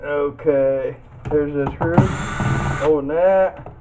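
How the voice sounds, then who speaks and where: Speaking extremely slowly in a voice on the high side, a video host thinks aloud as he casually demonstrates taking apart scrap metal. His manner is folksy and hands-on. Faint noise and clicks run through the dull, lo-fi recording.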